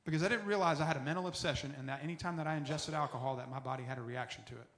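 Racing through his words, a man in his forties tells the earnest story of his own recovery, frequently letting his voice drop low and quiet.

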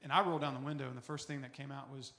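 A man in his forties giving an earnest personal recovery testimony, often dropping soft and low as he tells his story. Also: fairly even intonation, rapid-fire, gravelly.

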